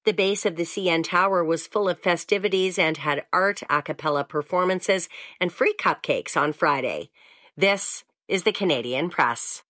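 A woman reads the news in a crisp, even, scripted delivery. Her voice sits low, and the studio sound is dry and close. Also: normal speed, no room sound. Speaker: newsreader.

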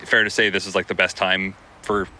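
A man, hosting a radio sports show and interviewing a guest in a brisk, conversational way. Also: sits low, little pitch movement, pushed and bright, a little hiss or hum, low-quality recording.

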